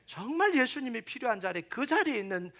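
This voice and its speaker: A middle-aged man preaching a sermon as pastor, animated, acting out quoted voices and sinking to near-whispers. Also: very high voice, fast talker.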